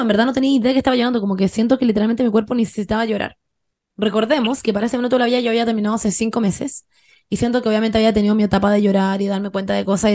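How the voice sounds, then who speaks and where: A young woman with a Chilean accent telling a story to friends in a casual, slangy chat, acting out what her friends said. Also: a little high. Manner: animated, slangy, acts out quoted friends.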